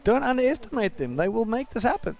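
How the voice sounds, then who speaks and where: A man giving excited, colloquial live surf commentary, exclaiming and repeating phrases for emphasis. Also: very high-pitched, fast talker, vocal fry, soft background music.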